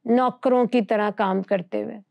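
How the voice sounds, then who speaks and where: Earnest high-voiced woman teaching scripture. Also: steady tone, gravelly, no room sound, muffled recording. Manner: earnest, rhetorical questions. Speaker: Bible teacher. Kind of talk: conversational Bible teaching.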